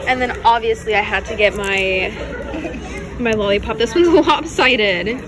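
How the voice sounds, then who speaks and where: A 22-year-old woman vlogging chattily from her airplane seat, easily excited, talking into a phone camera held close. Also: fairly high pitch, a little slow, a crowd in the background. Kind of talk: casual travel vlog. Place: airplane cabin by the window. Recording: plane engine noise, distant mic.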